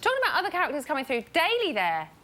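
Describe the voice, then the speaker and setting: Woman, TV host, chatty, teasing, high voice, bright tone. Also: huge pitch swings, very fast. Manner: chatty, teasing, laughs often. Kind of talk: live TV panel chat.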